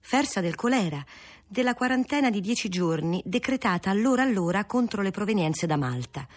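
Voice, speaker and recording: Female narrator, husky tone, mid pitch, steady measured reading of a novel. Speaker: audiobook reader.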